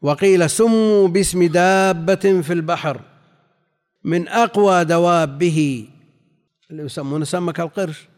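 A man's voice: fairly high pitch, darkish tone, in a large hall. A man teaching a classical text lesson, reading passages aloud, explaining them and putting questions to his students. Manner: reads quoted passages then explains, asks students questions.

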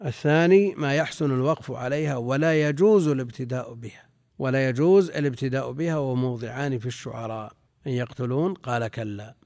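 A man's voice: medium pitch, a little mellow, no echo, clean studio sound. A man teaching a classical religious text, reading quoted sources aloud and explaining them, repeating phrases and correcting himself as he goes, sometimes asking his students questions. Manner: reads quoted sources, then explains in a measured way. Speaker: Islamic scholar teaching a text. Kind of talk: classical text lesson with commentary.

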